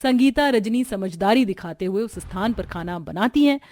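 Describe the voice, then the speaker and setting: A woman's voice: mid-range voice, lively intonation, normal speed, a little mellow, no room sound, studio quality. A woman narrating a family cartoon story in a dramatic storytelling manner. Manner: dramatic, switches between narration and character voices. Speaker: narrator voicing all female characters.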